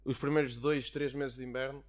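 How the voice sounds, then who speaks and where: A man's voice: mid-range voice, level tone, a little fast. A young man with a European Portuguese accent chatting casually on a podcast among friends, slangy and repeating words for emphasis. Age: young adult. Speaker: podcast co-host.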